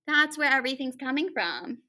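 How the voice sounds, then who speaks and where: A woman voicing a jolly, kindly male Santa in a storybook, loud and emphatic, with exclamations. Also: sits high, lively intonation, moderate pace, full character voice. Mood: alarmed, commanding.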